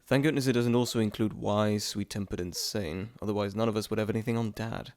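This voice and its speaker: A man's voice: on the low side, steady tone, fast, a little mellow, natural voice. A man playing Hermes, a playful, rambling messenger god, in a chatty, theatrical, teasing way for an audio roleplay. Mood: musing, hushed. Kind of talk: scripted audio roleplay addressed to the listener.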